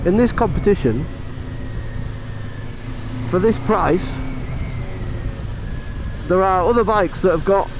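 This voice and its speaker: Man, high voice, casual motovlog commentary, chatty and off the cuff, helmet mic, clear wind and road noise. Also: slow, pauses often. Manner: off-the-cuff, chatty thinking aloud. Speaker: motorcycle vlogger and reviewer. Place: outdoors, riding a motorbike on mountain roads.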